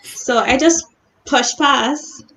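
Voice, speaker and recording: High-voiced young woman co-hosting. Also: drawn-out words, fairly bright tone, low-quality recording. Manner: chatty storytelling with frequent laughs. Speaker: youth show co-host. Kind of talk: casual panel chat.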